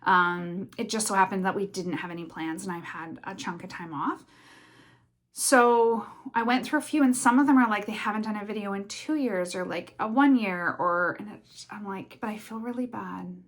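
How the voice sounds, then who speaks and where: A young woman from Canada talking casually to her viewers about the craft channels she follows. She talks fast and rambles, with lots of ums, uhs and restarts. Her pitch sits in an ordinary middle range for a woman. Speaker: cross stitch vlogger. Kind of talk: casual chatty vlog.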